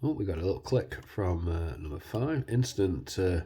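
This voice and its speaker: A man congested with a cold, talking casually and hesitantly as he hosts a hands-on demonstration, his voice husky from man flu. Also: low-pitched, animated, moderate pace, warm tone. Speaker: video host.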